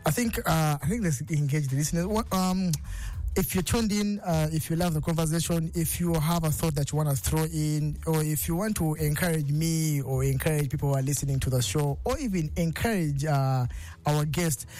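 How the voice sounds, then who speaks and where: A man's voice: on the high side, moderate pace, a little mellow. A man hosting a radio talk show in the studio, often repeating and restarting words. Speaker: radio host. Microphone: studio mic.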